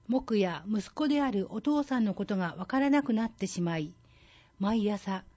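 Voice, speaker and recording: A woman's voice: fairly high pitch, warm tone, highs cut off. A woman reading scripted narration as a storyteller.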